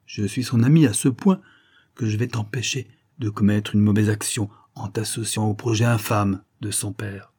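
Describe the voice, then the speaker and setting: A man's voice: fairly low pitch, fairly even intonation, normal speed, a little mellow, husky. A man playing a cunning, knowing adventurer. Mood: urgent, insistent. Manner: knowing, insistent, commanding. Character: cunning disguised adventurer, sure and mysterious.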